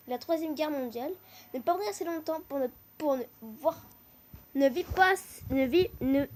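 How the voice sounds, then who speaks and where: She hosts a gaming channel, reading would-you-rather picks in a casual, high voice, with excited shouting and a teasing catchphrase she keeps using. Slight background noise can be heard.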